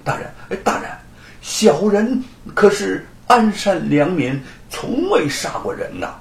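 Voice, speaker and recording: Man doing jealous scheming squire, whiny, sly, lively pitch, echoey. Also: a little slow. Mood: uneasy.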